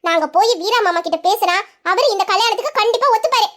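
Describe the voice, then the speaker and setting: A caring young woman who soothes and coaxes a crying girl, as a woman acts her out in an audio drama. Her voice is very high and quick. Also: expressive, fairly bright tone. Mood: comforting. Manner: soothing, coaxing.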